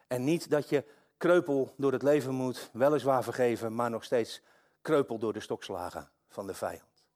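A man preaching a sermon, swinging between hushed, intimate passages and loud, impassioned ones. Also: medium pitch, normal speed. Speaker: pastor.

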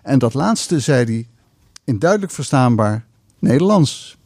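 Lively expressive man reading a story. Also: unhurried, no echo, studio quality. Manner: expressive reader, loud booming voice for the uncle. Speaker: guest reader on a radio show. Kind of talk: reading a literary story aloud, then chatting.

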